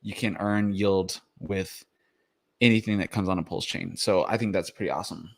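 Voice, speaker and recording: A man with a fairly low voice walks through his slides in a loose, rambling way. He is slightly out of breath and leans on fillers and restarts as he explains. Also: steady tone, normal speed, creaky. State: out of breath after the gym. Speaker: crypto video host. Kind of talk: casual explainer presentation.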